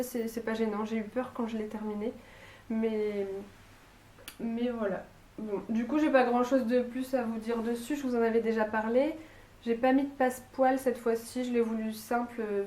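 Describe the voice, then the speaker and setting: A woman's voice: a little high, mellow. Chatty young woman, Lille accent, echoey room. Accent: Lille, northern France. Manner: chatty, hesitant, many fillers and restarts. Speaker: sewing and knitting vlogger. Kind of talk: casual chat to camera. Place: room at home with a bay window.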